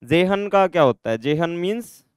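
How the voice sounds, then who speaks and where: A male language teacher works through a grammar lesson at a deliberate, unhurried pace. His voice is smooth and clear, and the recording is dry and close. He repeats each word several times so students can copy it. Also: high-pitched, lively intonation, dry recording. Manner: repeats words slowly, drills pronunciation. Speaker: German teacher.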